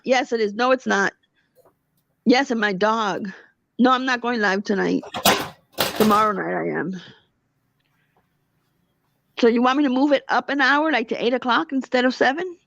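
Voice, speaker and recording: Gravelly woman going off on her live stream, indignant, dry dull audio. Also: on the high side, a bit bright, no room sound. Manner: indignant, rapid, talks back to chat. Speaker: livestream host. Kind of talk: ranting livestream chat.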